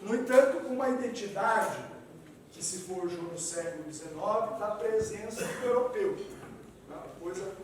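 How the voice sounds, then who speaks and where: A man giving an animated lecture to an audience, often checking in with "né". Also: normal speed. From southern Brazil. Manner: animated, wide swings in pitch and loudness, frequent "né". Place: meeting hall. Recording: echoey hall, distant mic, faint noise.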